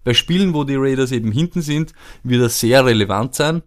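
A man's voice: medium pitch, fairly quick. A man co-hosting a casual fantasy football podcast, rambling and laughing easily. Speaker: podcast co-host.

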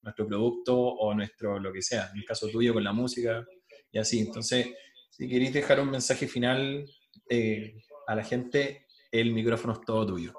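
A man's voice: medium pitch, fairly even intonation, moderate pace. A man interviewing a guest in a casual, friendly way, listing examples before handing over the floor. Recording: echoey room.

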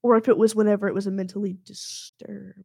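A woman's voice: mid-range voice, quick pace, creaky, husky, no echo, studio quality. A young woman co-hosting a podcast, telling a ghost story in casual chat with lots of fillers and emphatic asides. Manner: animated storyteller, heavy filler words, emphatic.

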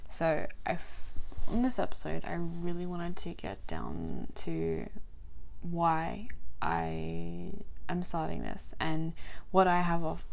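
A woman's voice: on the low side, vocal fry, a little mellow. A young Australian woman with a Western Australian accent, hosting a solo podcast in a chatty way, laughing often and restarting her sentences. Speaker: podcast host.

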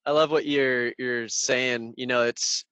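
A man's voice: medium pitch, steady tone, unhurried, crowd noise. A man hosting a podcast in casual, rambling conversation, recorded in a small closet full of clothes. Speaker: podcast host. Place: small clothes-filled closet as home studio. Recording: dry, close closet sound.

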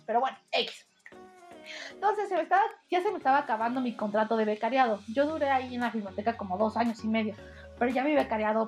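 A woman's voice: a little high, darkish tone. A young woman in her twenties with a Mexico City accent, telling a story in casual, slangy chat and acting out the quotes.

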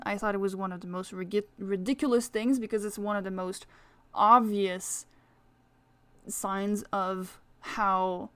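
A woman's voice: mid-range voice, no echo. A woman with a French accent hosting a casual solo podcast, talking in a rambling, chatty way full of fillers. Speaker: astrology podcast host.

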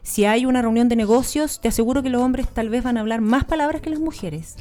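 A woman with a Chilean accent, a guest speaker explaining her points in an animated, casual interview chat. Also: on the high side, fast talker.

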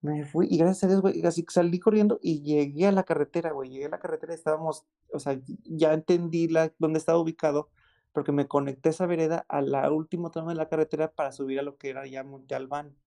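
Excitable Mexican man with a mellow voice. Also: fairly high pitch, fast talker. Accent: Mexican Spanish. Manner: excited, slangy, repeats exclamations. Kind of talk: casual chat, storytelling.

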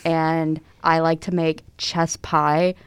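A woman's voice: deep voice, level tone, takes it slowly, clean tone, no echo. A woman, co-hosting a casual chat and telling stories with a teasing edge. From Tennessee. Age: 20s. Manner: chatty, storytelling, teasing. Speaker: co-host.

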